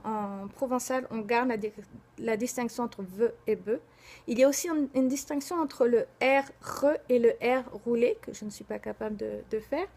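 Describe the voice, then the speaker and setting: A woman's voice: fairly high pitch, a little mellow. Hesitant young woman presenting slides. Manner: hesitant, frequent filler pauses; spells out words letter by letter.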